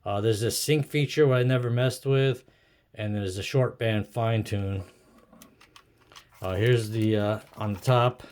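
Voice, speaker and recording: This middle-aged man's voice sits fairly low, with fairly even intonation, an unhurried pace and a darkish tone. An amateur video maker, he muses to himself while showing an object at a wooden desk indoors at home, sounding hesitant and self-deprecating. The tripod-mounted camera or phone yields a clearly noisy recording with clicks.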